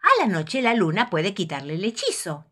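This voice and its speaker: A woman voicing an eager, imaginative male pig student in a storybook, excited and bursting with ideas. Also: medium pitch, normal speed, full character voice.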